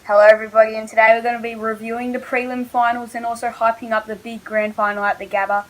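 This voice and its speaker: A woman's voice: fairly high pitch, little pitch movement, fast talker, poor audio. A woman with an Australian accent co-hosting a sports podcast, talking through match analysis in a casual way. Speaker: podcast co-host.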